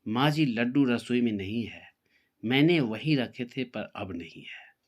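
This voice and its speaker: A man voicing a gentle, dutiful young daughter-in-law in a spoken story, talking politely and earnestly. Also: mid-range voice, lively intonation, unhurried.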